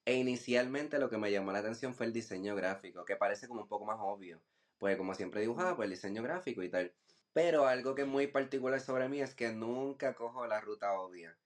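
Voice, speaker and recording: A man's voice: medium pitch, fairly quick. A man in his twenties with a Puerto Rican Caribbean Spanish accent, chatting casually as a podcast guest and sprinkling in English words. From Puerto Rico. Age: 20s. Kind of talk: casual chat.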